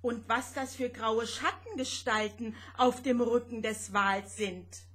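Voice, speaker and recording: A woman's voice: a little high, slow pace, fairly bright tone. A woman voicing a timid, homesick little girl spaceship who talks in an anxious, whiny way. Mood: dismayed.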